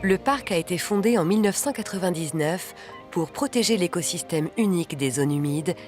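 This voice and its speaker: Measured documentary narrator over music. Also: mid-range voice, expressive, a little mellow. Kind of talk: scripted nature documentary narration. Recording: background music under the voice.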